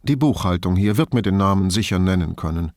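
A man voicing a calm, probing police commissioner. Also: low-pitched, brisk, no room sound. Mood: offhand. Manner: dry, offhand.

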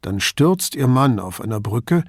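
A man reading an audiobook, voicing a gruff, skeptical male police inspector who grumbles slowly and doubts. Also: mid-range voice, big pitch swings, dry recording, studio quality, heavily acted.

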